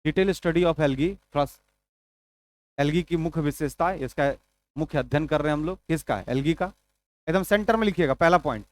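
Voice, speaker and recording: A man's voice: on the high side, normal speed. A male teacher giving an exam-prep biology lecture, repeating key points and dictating notes, asking and answering his own questions.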